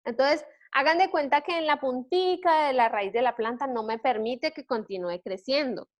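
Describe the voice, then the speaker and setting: A woman's voice: high-pitched, moderate pace. A woman giving a soil science lecture, explaining step by step and quizzing her students with rhetorical questions. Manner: frequent "¿sí?" checks and restarts.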